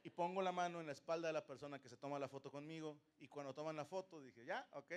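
On a live stream, a man with a Mexican accent tells a crude, joking story. His slightly high voice is fast with fairly even intonation, and the stream audio is noisy.

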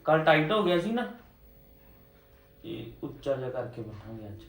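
A man's voice: medium pitch, very animated, moderate pace. A man with a Punjabi accent, filming a casual home vlog and coaxing and reassuring a small child. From Punjab, India. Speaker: family vlogger. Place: indoors at home. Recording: echoey room, faint background hum.

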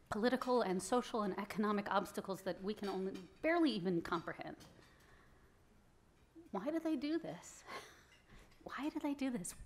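Standing at the podium microphone in an indoor event hall full of people, a thirtysomething woman accepts an award with an earnest speech. Her medium-pitched voice puts emphasis on key phrases.

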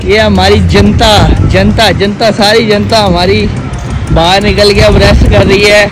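A young man, casually narrating a road trip vlog to a phone held at arm's length, excitedly calling out to friends. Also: sits high, unhurried, over loud music, poor audio. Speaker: vlogger. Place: minivan and roadside outdoors.

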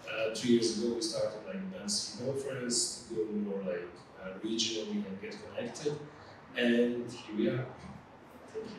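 A man introduces himself haltingly, his voice a bit low. He sounds distant and roomy, with clear background noise behind him. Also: fairly even intonation. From Bosnia. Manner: halting, filler-heavy. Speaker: panelist. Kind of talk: self-introduction on a panel. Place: conference stage in a hall. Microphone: handheld mic. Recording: echoey hall, distant, noisy.

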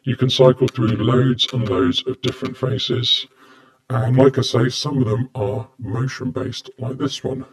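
A man's voice: medium pitch, fairly even intonation, measured pace, rough recording. A man casually reviewing a gadget, speaking through a face mask in a plain, matter-of-fact way. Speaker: product reviewer.

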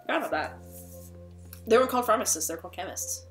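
A woman's voice: medium pitch, animated, racing. A woman playing a video game and commenting casually, crude, joking and rambling as she goes. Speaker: game player. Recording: echoey room with game music.

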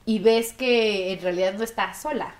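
A woman's voice: medium pitch, normal speed. A woman in her thirties with a Mexican accent, telling her story in a documentary interview and acting out the voices she quotes. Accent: Mexican Spanish. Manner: animated, acts out quoted voices.

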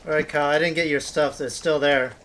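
A man in casual gaming chat, calmly pointing out loot and gear to his squad. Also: a little high, quick pace.

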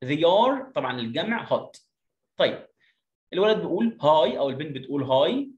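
A man with an Egyptian accent teaching a phonics reading lesson, reading English sentences slowly and then explaining them quickly in Arabic. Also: fairly high pitch, sing-song, echoey room, muffled recording.

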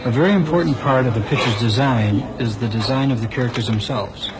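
A man's voice: mid-range voice, a little fast, music in the background, low-quality recording. A man delivering scripted narration as a documentary narrator. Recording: noticeable background noise.

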